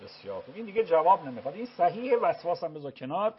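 A man, a religious expert, answering callers' questions on a call-in radio show. He talks emphatically and is quick to repeat firm denials. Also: fairly high pitch, big pitch swings, a crowd in the background. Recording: dull lo-fi radio broadcast.

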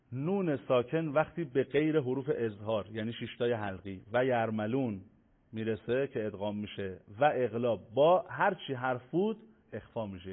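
A man teaching Quran recitation rules on a broadcast, drawing out example words in slow sung demonstrations. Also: medium pitch. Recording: narrow phone-like broadcast audio.

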